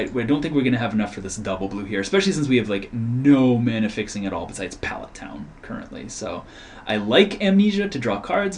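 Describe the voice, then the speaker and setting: A man's voice: mid-range voice, a little mellow. A man co-hosting a casual card game video, explaining card rules at length and thinking aloud about his picks. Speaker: co-host drafting cards.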